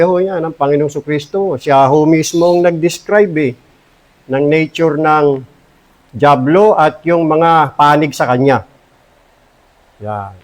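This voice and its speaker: High-voiced Filipino pastor preaching. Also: male voice, a little mellow, low-quality recording. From Philippines. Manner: earnest, emphatic, slows for scripture. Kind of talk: Taglish sermon with Bible reading. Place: church.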